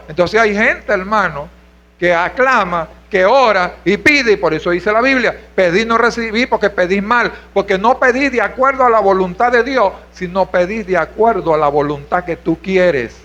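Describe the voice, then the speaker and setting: High bright-voiced preaching man, lo-fi. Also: moderate pace. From Venezuela. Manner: preaching with rhetorical questions, calls of hermano and aleluya. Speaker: pastor. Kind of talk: sermon.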